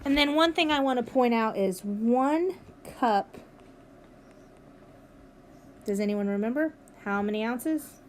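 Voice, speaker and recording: A woman with a slightly high voice teaches a recorded math lesson. She is upbeat and encouraging, talking her students through each step. A faint background hum sits under her voice. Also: slow pace, pauses often. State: has the hiccups. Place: at home with her dog nearby.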